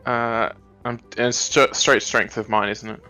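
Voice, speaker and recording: A man with a mid-range voice plays a tabletop game. He talks casually in halting bursts, working out moves aloud. Faint music plays behind him. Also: mid-range voice, level tone, bright, forceful tone, low-quality recording. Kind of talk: casual chat.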